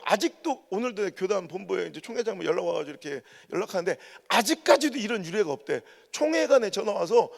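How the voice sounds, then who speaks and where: High gravelly Korean pastor preaching. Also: male voice. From Korea, raised in Chungcheong. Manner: humorous, animated storytelling with mimicked dialect quotes. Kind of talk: revival sermon. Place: large church sanctuary. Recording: long church reverb.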